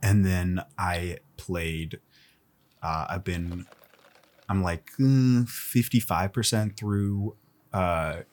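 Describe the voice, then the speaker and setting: A man, a comedian guest on a podcast, telling deadpan, self-mocking jokes in casual chat. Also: low voice, drawn-out words.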